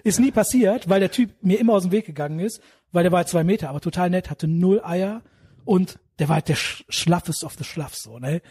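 A young man telling a story in casual chat, in rough slang, acting out the quotes. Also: high-pitched, dark tone, dry recording, studio quality. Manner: fast, rough street slang, acts out quotes. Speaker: podcast co-host telling a story.

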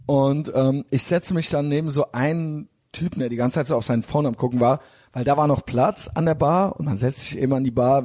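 A man's voice: medium pitch, mellow. A man casually telling a rambling, slangy anecdote full of fillers. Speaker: storyteller.

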